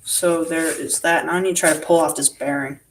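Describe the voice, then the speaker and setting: A man hosting a live stream, talking low-key to himself as he works on a model. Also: fairly even intonation, a little fast, a bit bright, slight background noise. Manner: low-key, muttering to himself while working. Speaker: livestream host. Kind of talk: live-stream commentary while working on a model. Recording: voice a bit distant from the mic.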